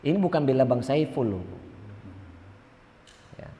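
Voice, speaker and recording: A man's voice: medium pitch, expressive, measured pace, dark tone. A man with a Medan accent from North Sumatra, preaching to a mosque congregation in a conversational, joking way, asking them questions. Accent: Medan Indonesian. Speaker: ustadz teaching a mosque study circle. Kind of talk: sermon. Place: large mosque hall. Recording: echoey mosque hall with long reverb.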